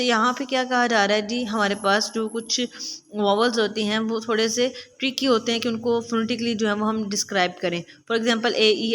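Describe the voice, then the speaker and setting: A young woman tutors online students, explaining step by step with many fillers, reading English passages slowly and closing each point with "theek hai". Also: medium pitch, a bit bright, a little hiss or hum. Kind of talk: casual recorded lecture.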